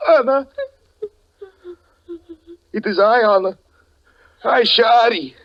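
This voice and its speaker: In a muffled vintage recording of a 1940s radio suspense drama, a man uses a very high-pitched, full character voice to play a tormented stage magician husband. Haunted and fervent, he recounts his story slowly and melodramatically, swinging between hushed narration and anguished cries of desperate pleading.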